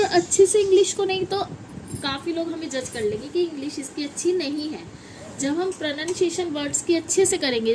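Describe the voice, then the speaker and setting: In a low-quality recording with slight background noise, a woman with a Hindi accent and a high, slightly mellow voice teaches English pronunciation classroom-style, often questioning and then answering herself.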